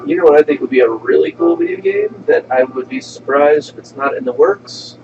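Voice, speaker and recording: A man's voice: a little high, sing-song, brisk, vocal fry. A joking, irreverent man chatting casually as he riffs on a video game. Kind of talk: casual chat, riffing on a game. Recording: muffled, distant mic, game music behind. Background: game music.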